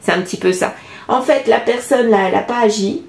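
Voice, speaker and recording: A woman with a French accent doing a casual oracle card reading, musing aloud and pausing often with fillers. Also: fairly high pitch, gravelly, a little mellow, reverberant. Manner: musing, hesitant, many fillers. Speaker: card reader.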